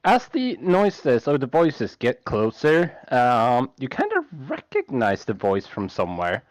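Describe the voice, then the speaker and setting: A man running a tabletop game as game master, narrating in halting, hesitant phrases. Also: medium pitch, huge pitch swings, no echo.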